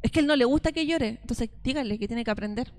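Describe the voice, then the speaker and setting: A woman's voice: on the high side, fast talker. A Chilean woman in her thirties giving a testimonial sermon, telling stories and speaking straight to her listeners as sisters. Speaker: preacher addressing a women's church group.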